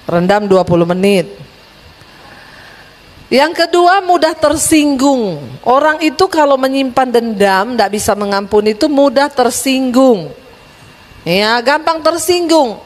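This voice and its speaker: Woman pastor, middle-aged, high voice, humorous lively sermon, reverberant hall. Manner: lively, humorous preaching with sudden animated rises.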